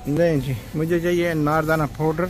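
Faint music plays behind a man whose fairly high voice barely moves in pitch as he talks at normal speed. He's vlogging his way through a noisy supermarket, chatting about prices and peppering his words with "ji" and "janab."

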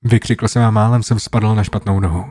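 A man narrating a horror story in a low, hushed storytelling manner, over soft guitar music. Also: fairly even intonation, husky. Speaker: creepypasta narrator.

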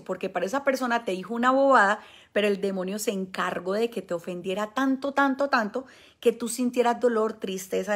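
A woman's voice: mid-range voice, fairly bright tone. Emphatic Colombian woman preaching to viewers. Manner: emphatic, repeats words for stress; acts out the people she quotes. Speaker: spiritual healer. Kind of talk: monologue addressed to viewers.

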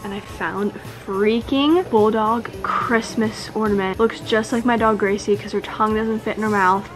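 A woman's voice: medium pitch, rough recording. A young woman chatting casually to her viewers in a vlog, bubbly and giggly. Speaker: vlogger. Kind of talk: casual chat. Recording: background music playing.

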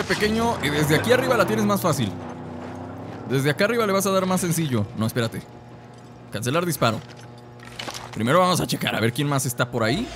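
A man's voice: fairly high pitch, background noise. A man with a Mexican accent giving chatty gameplay commentary, talking through a tired throat with a lozenge in his mouth. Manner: chatty, talks to his companion and the audience, bursts into excited shouts. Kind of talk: casual let's-play commentary.

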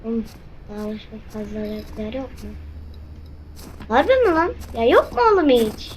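A woman's voice: a little high, sing-song, normal speed. A young woman giving casual, slangy commentary while playing a game, exclaiming and teasing as she goes. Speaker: gameplay streamer. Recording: noisy background.

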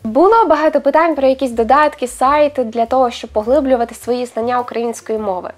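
A woman's voice: fairly high pitch, a little fast, faint music behind. A young woman with a Western Ukrainian accent, a linguist answering viewer questions in a chatty, self-ironic vlog. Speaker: linguist vlogger. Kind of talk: casual vlog Q&A.

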